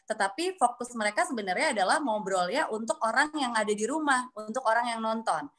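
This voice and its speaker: Woman, speaking coach, slightly high voice, friendly and explanatory, online class. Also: animated, a little fast, fairly bright tone. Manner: friendly, explanatory, uses frequent tag words. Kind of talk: online class, answering questions.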